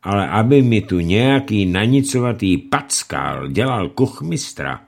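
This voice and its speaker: A man reading an audiobook, voicing a fat, fussy male ship's cook who grumbles indignantly. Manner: fussy, indignant, pitch jumps high.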